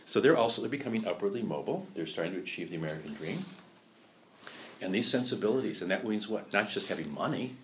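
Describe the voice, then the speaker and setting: A man giving a lecture, chatty and animated, often asking rhetorical questions and laughing at his own points. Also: fairly low pitch, fast talker, a little hiss or hum. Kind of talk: lecture on musical theater history.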